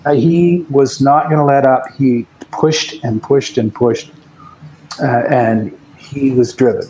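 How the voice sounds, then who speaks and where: A man telling rambling stories about his life as a musician in a relaxed interview. His voice sits in a middle pitch, and he often stops and restarts his sentences. A faint background hum runs under the talk. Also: slow, rough recording. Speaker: guest musician. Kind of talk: casual interview storytelling.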